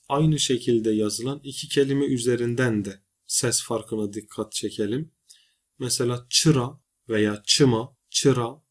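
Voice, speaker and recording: A male teacher giving a recorded grammar lesson, patiently explaining and slowly repeating example words. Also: mid-range voice. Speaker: language teacher.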